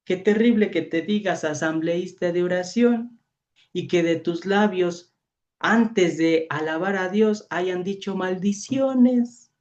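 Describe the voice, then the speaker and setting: Mexican priest preaching, dull lo-fi audio. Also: male voice, high voice, slow, darkish tone. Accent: Mexican Spanish. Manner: storytelling, acts out voices, frequent rhetorical "¿verdad?". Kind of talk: preaching to a youth training session.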